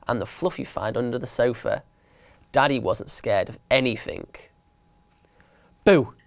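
A man reading a children's picture book aloud with an expressive, animated delivery. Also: medium pitch, clean tone, no room sound. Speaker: storyteller.

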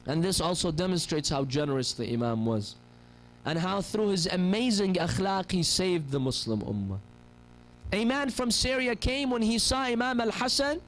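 A man in his thirties delivers a sermon in a mosque hall, sitting on a pulpit chair with a gooseneck mic on a stand before him. He tells stories with passion and performs the characters' voices, his high, expressive voice moving at a moderate pace over poor audio.

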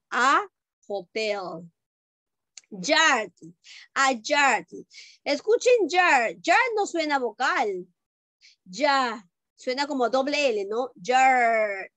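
A woman gives an online English lesson to young children in a high voice at a slow, patient pace. She repeats each point and keeps checking that the kids follow. The sound is dry, with no room echo. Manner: patient, repetitive, checks understanding with questions; calls children pet names. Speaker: primary school English teacher. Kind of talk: online class explanation to children.

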